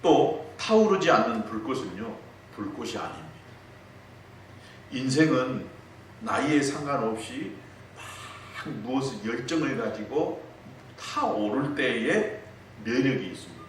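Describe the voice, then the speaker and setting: A male pastor preaching a sermon in a church, telling stories in a lively way. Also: mid-range voice, a little slow. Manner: storytelling, lively. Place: church sanctuary. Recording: echoey hall, distant mic, faint noise.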